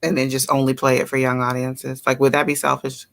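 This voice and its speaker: A middle-aged woman telling stories in a casual chat, animated and quick to laugh. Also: a bass voice, creaky.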